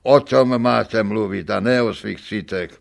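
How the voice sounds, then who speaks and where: A man's voice: on the low side, creaky, voice pushed down. A man voicing a stern court judge who speaks in a dry, commanding way. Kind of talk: audiobook character reading.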